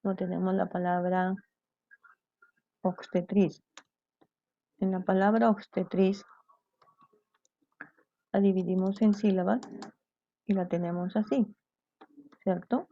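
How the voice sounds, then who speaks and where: Gravelly-voiced woman teaching a lesson. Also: mid-range voice, fairly even intonation, slow, long pauses, no room sound. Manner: explanatory, checks in with "¿cierto?" and "¿bien?". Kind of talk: online grammar lesson. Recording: dull lo-fi sound.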